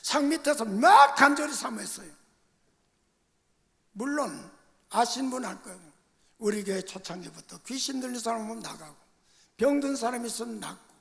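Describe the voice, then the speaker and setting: An older man preaching a sermon as senior pastor. He tells stories, moving between soft asides and emphatic bursts. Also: sits high, lively intonation, normal speed, gravelly, pauses often. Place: church sanctuary. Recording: reverberant church sanctuary.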